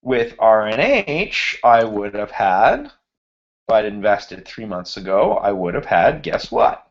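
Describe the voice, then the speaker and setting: A finance instructor with a lowish voice sounds very animated yet moves slowly, thinking aloud as he formats cells in a screen-shared spreadsheet lecture over an online hangout. He is losing his voice and clears his throat. His computer mic on the video call gives a lo-fi sound.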